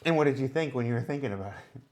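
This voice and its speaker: A man's voice: mid-range voice, rapid-fire, darkish tone. A man co-hosting a casual chat, explaining ideas at length and thinking aloud with many fillers. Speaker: co-host.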